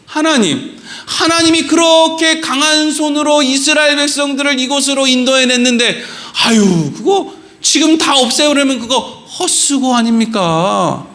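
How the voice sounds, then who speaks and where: A man's voice: very high voice, moderate pace, sharp tone, voice pushed up, heavily acted. A man voicing Moses as a mock-solemn, wheedling figure who talks God down during a sermon. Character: male Moses, cheeky and pleading with God.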